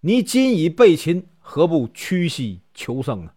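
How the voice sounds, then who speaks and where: A man voicing an elderly strategist who gives orders and taunts his enemy in measured, commanding words. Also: on the high side, wildly swooping pitch, a little mellow, heavily acted.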